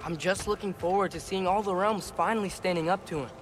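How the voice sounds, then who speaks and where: An actor playing an earnest, hopeful teenage warrior son in a video game, talkative and searching in manner. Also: male voice, high voice, fairly even intonation, fast, a little hiss or hum, lightly acted. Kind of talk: video game dramatic acting.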